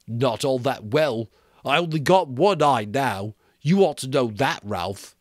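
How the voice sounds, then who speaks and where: Man putting on a shrill, frightened young boy. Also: measured pace, no echo, studio quality. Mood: defensive. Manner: shrill, excited, stammering protests. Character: frightened young boy, pudgy, pleading, defensive.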